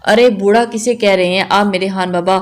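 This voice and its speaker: A cheeky young bride full of mischief, teasing in quick, light lines, read by a woman narrator. Her voice sits at a middle pitch, in a plain storybook reading. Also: steady tone, natural voice. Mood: playful. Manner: playful, quick teasing speech.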